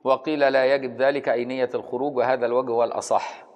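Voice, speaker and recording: A man's voice: medium pitch, level tone, racing, long reverb tail, muffled recording. A man with an Egyptian Arabic accent teaching Islamic law. He reads from a classical text, then explains it in everyday speech and often asks his listeners whether they follow.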